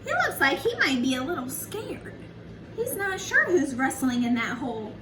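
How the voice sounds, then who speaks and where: A storyteller and early childhood educator with a very high, lively voice reads a picture book to little ones, unhurried and sing-song, pausing for chatty remarks to them. The recording sounds roomy and distant from the mic, with faint background noise.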